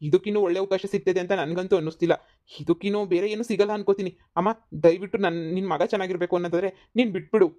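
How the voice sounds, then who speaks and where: A woman's voice: fairly low pitch, fairly even intonation, very fast, warm tone, close to an everyday voice. A woman voicing a young adult son torn between his mother and his wife, pleading with them. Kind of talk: cartoon comedy voice acting.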